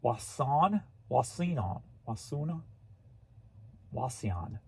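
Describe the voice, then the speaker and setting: While boxing up online orders, a St. Louis, Missouri reseller in his forties chats goofily and jokingly to himself. He has a medium-pitched, gravelly, darkish voice with a breathy edge, delivered slowly in a sing-song way.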